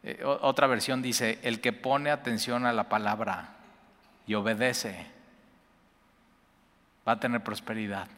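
A man preaching an earnest sermon, repeating words and rising in pitch to stress his points. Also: steady tone, unhurried, pauses often, fairly bright tone. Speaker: pastor. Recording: long hall reverb.

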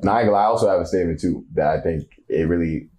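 A man co-hosting a podcast in casual chat, teasing and joking, jumping between high excited bursts and low mutters. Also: rapid-fire. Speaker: podcast co-host.

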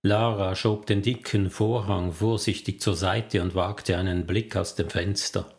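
A man narrating a story in a slow, unhurried tempo. His voice sits a little low, and his delivery is calm and measured, like an audiobook reader. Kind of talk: scripted narration.

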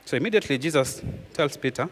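A man preaching a sermon with a fairly high voice, leaning on repeated phrases and sinking to hushed tones to drive a point home. His voice rings out with a long reverb, as if in a church hall. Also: animated, fast. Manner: earnest preaching, repeats key phrases, drops to a hushed voice for emphasis. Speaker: pastor.

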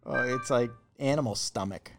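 A man's voice: medium pitch, normal speed, vocal fry, music in the background. A man co-hosting a casual podcast, laughing a lot and reacting bluntly with swearing. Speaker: podcast co-host. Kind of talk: casual chat.

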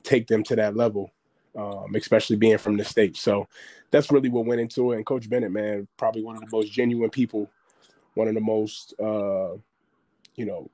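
A man's voice: on the low side, flat delivery, normal speed, mellow, no room sound. Podcast guest calling in on a remote line: man, dry, close sound, easygoing slang storyteller. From Maryland area, US. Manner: laid-back, slangy storytelling. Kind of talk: casual interview chat.

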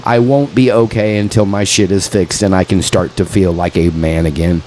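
Profane man in his thirties, low voice. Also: fairly even intonation, normal speed, a little mellow, slight background noise, poor audio. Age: 30s. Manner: profane, calls everyone dude, venting frustration. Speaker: podcast co-host. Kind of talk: casual chat.

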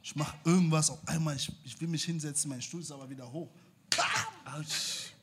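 Slangy podcast guy, bit high, bouncy voice, noisy live room. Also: fairly even intonation, quick pace. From Germany. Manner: slangy street talk, laughing through his stories. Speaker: podcast co-host. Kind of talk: casual chat. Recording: live podcast with background noise.

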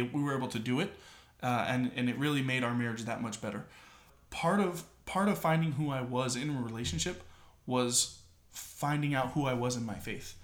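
A young man, a podcast guest, speaking sincerely and haltingly, often repeating words as he talks about faith and family. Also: medium pitch, a bit bright. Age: 20s. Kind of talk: casual interview chat. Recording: roomy echo.

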